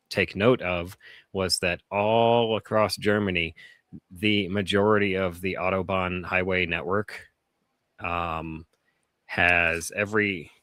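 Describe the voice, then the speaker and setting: A man's voice: deep voice, dry recording. A man co-hosting a podcast, telling long rambling stories in casual chat. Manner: rambling, animated storytelling. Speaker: podcast co-host.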